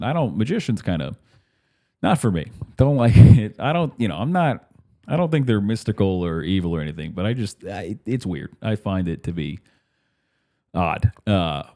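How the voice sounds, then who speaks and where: A man's voice: fairly low pitch, warm tone. A man, a comedian and podcast host, telling rambling stories in a casual monologue, often breaking off mid-sentence and acting out the voices of people he quotes. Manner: rambling, self-interrupting, acts out quoted voices.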